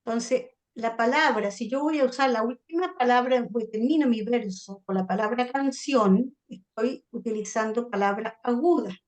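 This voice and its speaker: A woman's voice: on the high side, moderate pace, hardly any pauses. A woman from Chile with a Chilean accent, a literature teacher explaining sonnet form in an online class, often checking in with her students.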